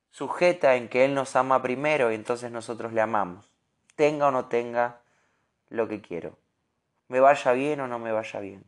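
A man with a Rioplatense Spanish accent giving an earnest, animated devotional sermon, sometimes restarting his words. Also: medium pitch. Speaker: preacher.

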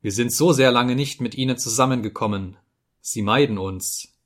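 A man's voice: mid-range voice, lightly acted. A man playing a patronizing officer in an audiobook who lisps and hisses, drawing out every word. He talks down from above with a smug, gracious kindness. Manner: lisping, hissing, drawn-out words. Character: condescending, lisping male officer, patronizing and smug.

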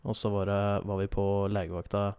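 A man's voice: on the low side, flat delivery, a little mellow, clear, resonant tone. A young man telling a long story in casual chat, rambling with many fillers and self-corrections.

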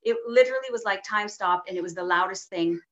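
A woman guest telling her life story in an interview, moving between hushed and emphatic moments. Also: medium pitch, fast talker, highs cut off. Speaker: guest sharing testimony. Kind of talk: personal testimony interview.

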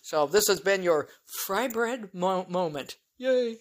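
A woman's voice: fairly low pitch, lively intonation, unhurried. A woman hosting her own podcast, talking in a rambling, frank monologue full of chatty asides. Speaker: podcast host. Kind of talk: casual monologue.

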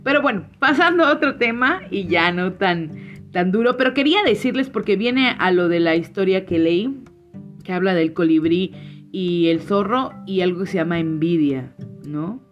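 Woman hosting a podcast, earnest and reflective, lowish voice, bit muffled, soft guitar. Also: expressive, moderate pace. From Chiapas, Mexico. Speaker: podcast host. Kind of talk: heartfelt podcast monologue and fable telling. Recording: slightly muffled, faint guitar music.

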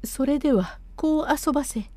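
A woman voicing a gentle young mistress of an old house, giving refined, caring instructions in old-fashioned speech. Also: high voice, normal speed, dry recording, pitched above the performer's own voice, natural voice.

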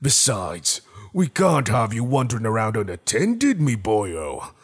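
A man's voice: fairly low pitch, wildly swooping pitch, a little slow, breathy edge, exaggerated voice. A man reading a horror story, voicing a sly, menacing rabbit-like monster with steel teeth in a taunting, mock-friendly, sing-song way with an uncanny, strained timbre.

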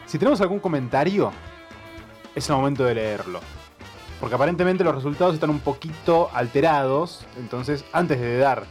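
A man's voice: medium pitch, expressive, moderate pace, soft background music. A man with an Argentine accent, hosting a live radio show and playfully trying to keep order in the banter. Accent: Argentine Spanish.

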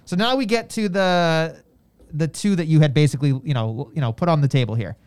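A male podcast co-host with a smooth, very clear voice pitched a little high. He talks casually and circles back over his phrases as he thinks. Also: brisk, a little mellow. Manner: conversational, repeats phrases as he reasons. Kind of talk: casual discussion of wrestling.

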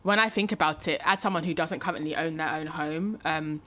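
A woman co-hosting a podcast, reflecting aloud in a thoughtful, measured way. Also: sits low, fairly bright tone. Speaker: podcast co-host. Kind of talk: reflective discussion.

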